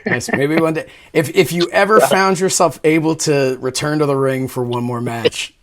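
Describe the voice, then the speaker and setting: A man's voice: fairly high pitch, moderate pace, a bit bright, slight background noise. A man hosting a show and interviewing a guest, earnest and hesitant, with fillers as he asks questions. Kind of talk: interview and scripted show outro.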